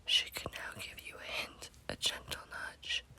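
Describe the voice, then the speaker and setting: This is the host of an eerie ASMR story series, a woman who keeps her voice to a soft, breathy whisper. She paces it slowly and carefully.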